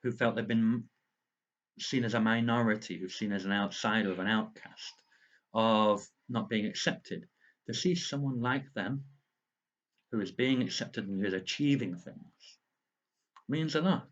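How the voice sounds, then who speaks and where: A man's voice: on the low side, unhurried, muffled recording. A man with a slight lisp, talking earnestly and rambling a bit straight to the viewer in a video diary from his home. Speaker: author vlogger. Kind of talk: casual lockdown video diary. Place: at home indoors.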